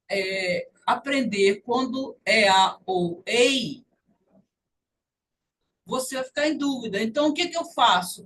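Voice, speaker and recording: Slow, high-voiced Brazilian woman teacher. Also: a bit bright, far from the mic, a little hiss or hum, poor audio. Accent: Brazilian Portuguese. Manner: patient, repeats sounds slowly to demonstrate. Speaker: language teacher. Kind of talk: online English lesson.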